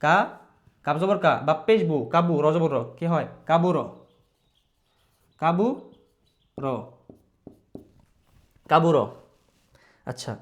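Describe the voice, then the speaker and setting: A man teaching an online reading lesson, patiently spelling out syllables and repeating them, with English words mixed in. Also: on the high side. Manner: patient, repeats syllables slowly for students to follow; mixes English words into his talk.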